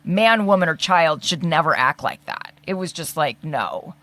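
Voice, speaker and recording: Woman telling a story on a podcast, kinda low voice, does little voices for people. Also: moderate pace. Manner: animated storyteller, acts out quotes. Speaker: podcast co-host. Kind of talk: casual conversation.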